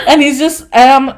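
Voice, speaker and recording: A woman in her twenties telling stories on a casual podcast, animated, laughing and swearing, with lots of fillers. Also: high voice. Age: 20s. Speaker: podcast co-host. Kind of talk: casual storytelling chat.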